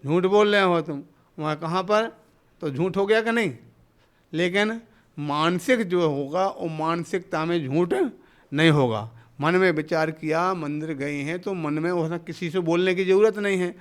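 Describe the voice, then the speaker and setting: High clear-voiced man preaching. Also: measured pace. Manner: explanatory, asks rhetorical questions; acts out short everyday dialogues. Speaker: Jain monk giving a discourse. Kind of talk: sermon. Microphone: speaking into a hall microphone.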